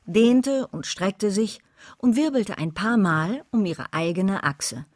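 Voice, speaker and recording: A woman narrating a children's audiobook calmly and evenly. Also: mid-range voice, slow, no room sound, clean studio sound.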